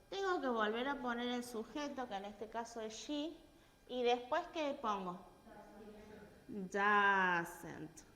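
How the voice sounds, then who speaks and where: A woman teaches English grammar in a slow, unhurried way and checks often that her students follow. Her voice sits a bit high. She is recorded from a distance in an echoey classroom with a long reverb tail and faint room noise behind her. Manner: patient, checks with frequent questions. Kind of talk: classroom lesson.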